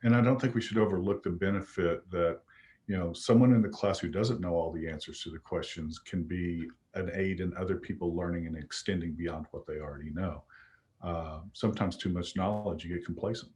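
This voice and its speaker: A man on a panel discussion, speaking in a measured, reflective way. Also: low voice, steady tone, darkish tone.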